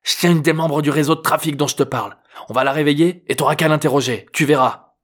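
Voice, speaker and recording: A man voicing a rough, hot-tempered tough guy in an audiobook, talking in crude threatening slang. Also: fairly high pitch, steady tone, quick pace, voice pushed up, natural voice. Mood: sneering.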